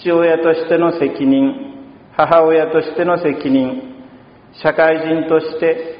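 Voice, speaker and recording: Unhurried priest preaching in a roomy church. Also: male voice, a little high. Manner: calm, measured preaching with long pauses. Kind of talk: sermon. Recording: dull, roomy church sound from a distance.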